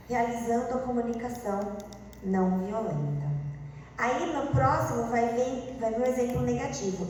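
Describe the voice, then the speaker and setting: A woman's voice: on the high side, slight background noise. A woman teaching a class, acting out example dialogues in different voices. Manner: animated, acts out example dialogues with shifting voices. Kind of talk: classroom lecture. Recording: echoey room, voice far from the mic.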